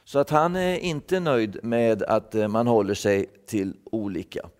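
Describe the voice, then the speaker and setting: A man's voice: on the low side, darkish tone, big-room sound. A man giving a thoughtful Bible-teaching sermon, repeating words as he explains. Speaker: preacher.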